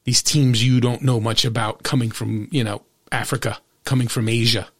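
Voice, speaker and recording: A man's voice: mid-range voice, fairly even intonation, moderate pace, a bit bright. A man hosting a soccer podcast, giving opinionated commentary in an emphatic, sarcastic way. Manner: emphatic and sarcastic, with frequent restarts. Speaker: podcast host.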